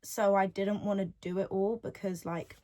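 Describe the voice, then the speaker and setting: With a mid-range, dark-toned voice, an eighteen-year-old woman speaks at a moderate pace and a steady tone on her one-person podcast. She's chatty and meandering, often repeating phrases she's already said. Her setup is a device's built-in mic at home, not a real microphone.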